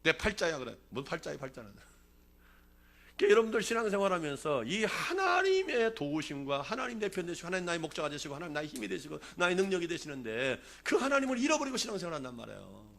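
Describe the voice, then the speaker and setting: A man's voice: high voice, huge pitch swings, quick pace, vocal fry, a bit bright. A man in his sixties preaching a revival sermon as a pastor, calling for responses from the congregation and telling a fable along the way. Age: 60s.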